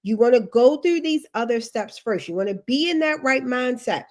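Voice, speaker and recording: On a livestream, a woman career coach who is sniffly from allergies gives advice emphatically, repeating her key instructions and adding chatty asides. Her voice is fairly high-pitched with a darkish tone, lively intonation, and a moderate pace.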